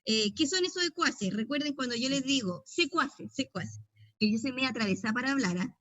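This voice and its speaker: A woman's voice: sits high, animated, fairly quick, fairly bright tone, no echo. A middle-aged woman pastor with a Chilean accent, teaching a deliverance session in a conversational storytelling way with frequent tag questions.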